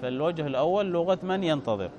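A man teaching grammar in a fairly high voice. He talks steadily and explains each point, then checks with his listeners through rhetorical questions. The recording was made outdoors. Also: animated, fast, a little mellow. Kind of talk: classroom lesson explaining a text.

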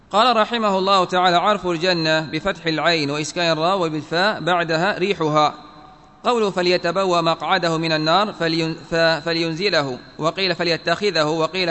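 A man's voice: on the high side, bright, forceful tone. A man giving a religious lesson, reading a classical text and carefully spelling out how each word is vowelled. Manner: spells out word vowels carefully, reads quotes then explains. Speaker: Islamic teacher. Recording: long hall reverb.

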